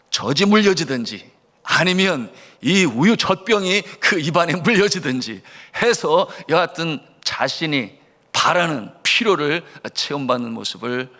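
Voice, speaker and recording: A man's voice: mid-range voice, fairly bright tone. A middle-aged male pastor preaching a sermon with earnest emphasis and rhetorical questions to his congregation. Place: church sanctuary. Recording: long church reverb.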